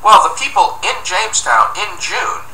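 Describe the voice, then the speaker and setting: Middle-aged man, upbeat step-by-step tutorial narrator, lively pitch, distant mic in an echoey office. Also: normal speed. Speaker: software tutorial presenter. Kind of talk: screencast walkthrough narration. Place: office room indoors, at a desk. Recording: roomy, distant mic with faint noise.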